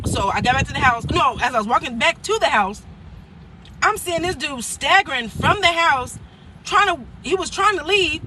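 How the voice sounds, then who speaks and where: A woman's voice: high-pitched, background noise. A woman vlogger telling a personal story in a casual, rambling way, acting out the people she quotes. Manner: loose, rambling retelling with restarts and laughs, acting out quotes. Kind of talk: casual storytelling while eating.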